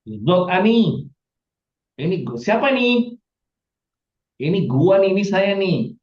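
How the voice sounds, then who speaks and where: A man's voice: high-pitched, big pitch swings, slow pace. A man teaching a Hebrew lesson online, acting out dialogue lines in playful voices. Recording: echoey, dull lo-fi audio.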